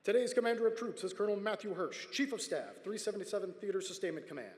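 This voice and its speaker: Through long, echoing reverb comes a man narrating a formal ceremony from a script. His voice sits slightly high for a man and he moves through the announcements quickly. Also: lively intonation, darkish tone. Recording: echoey hall, long reverb PA sound.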